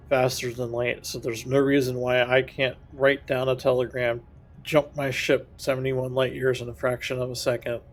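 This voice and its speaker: Rambling male gamer thinking aloud. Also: mid-range voice. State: has the hiccups. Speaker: streamer. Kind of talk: casual gameplay commentary.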